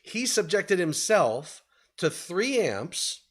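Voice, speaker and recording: Presenter, man, fifties, loose conversational delivery, slightly higher voice. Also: sing-song, slow pace. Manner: conversational, many fillers, trails off quietly. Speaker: webinar presenter. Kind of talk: webinar presentation. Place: home study with bookshelves. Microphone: video call.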